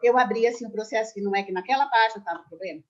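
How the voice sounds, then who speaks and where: A woman in her sixties, a numerologist guest, telling animated stories quickly and emphatically in a casual video-call chat. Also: mid-range voice, highs cut off. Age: 60s.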